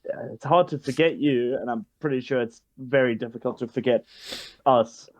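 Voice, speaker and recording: A man's voice: mid-range voice, moderate pace, a little mellow. A man playing a tabletop game, chatting in a laid-back, joking way. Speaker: player. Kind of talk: casual chat at a tabletop game.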